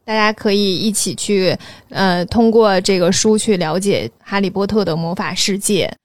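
A woman's voice: mid-range voice, normal speed, no echo. A young adult woman chatting casually as a podcast co-host.

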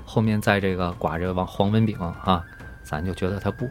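A man co-hosting a podcast in relaxed casual chat, commenting and prompting his partner. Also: sits low, fairly quick, soft background music. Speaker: podcast co-host.

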